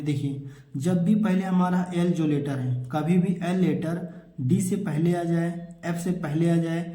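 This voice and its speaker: A man's voice: fairly high pitch, mellow. Male teacher, patient drill style, repeats rules often, echoey room. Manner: repetitive, drills rules, asks and answers his own questions. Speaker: English teacher. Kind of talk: classroom-style lesson.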